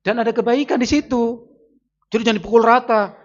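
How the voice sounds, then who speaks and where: A man's voice: very high-pitched, steady tone, a little fast. A male preacher giving an Islamic study lecture in a mosque, talking straight to the women listening and acting out little everyday scenes. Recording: dull lo-fi sound.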